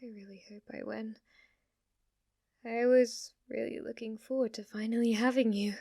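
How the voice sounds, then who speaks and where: In an intimate ASMR roleplay, a woman plays an obsessive, lovestruck yandere witch who is shy yet giddy and teasing, nervous and smitten. Her talk is hesitant, rambling, gushing and giggly, in a slightly high, creaky, warm voice with a steady tone at normal speed. The studio recording is clean, with no room sound.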